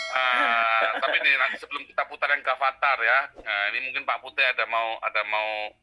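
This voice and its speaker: A male host on a live video call, with a very bright, mid-pitched voice. He agrees with enthusiasm and urges the listeners on before handing over to the next speaker. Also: steady tone, unhurried, rough recording.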